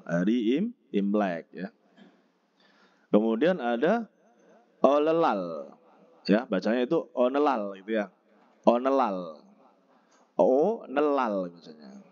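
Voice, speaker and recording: A man teaching a textbook vocabulary lesson, slowly explaining and repeating each word and its pronunciation. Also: mid-range voice, darkish tone, highs cut off. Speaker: Korean language teacher.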